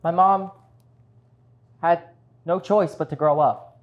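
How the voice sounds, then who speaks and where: Man as earnest storyteller, slightly high voice. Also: steady tone, slow pace, dull audio. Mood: earnest, reflective. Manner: one performer playing both parts. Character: grown child earnestly recounting a refugee mother's childhood. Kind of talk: dramatic one-man show monologue.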